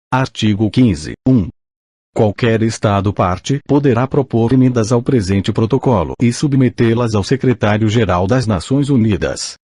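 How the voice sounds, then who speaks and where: A synthesized male voice, like an old speech synthesizer, reading a formal audiobook in a mechanical, stilted and measured way. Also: lowish voice, a little mellow, husky, no room sound, studio quality.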